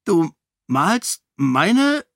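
A man voicing an irritable, blustering older king who shouts in exasperation. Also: fairly high pitch, sing-song, slow, no echo, clean studio sound, pitched above the performer's own voice, exaggerated voice. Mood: exasperated.

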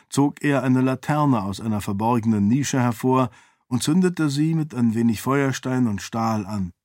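A man narrates a novel in a measured, even reading voice of middle pitch. He is recorded close on a studio mic in a dead, dry room with no reverb. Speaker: audiobook narrator. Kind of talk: scripted narration.

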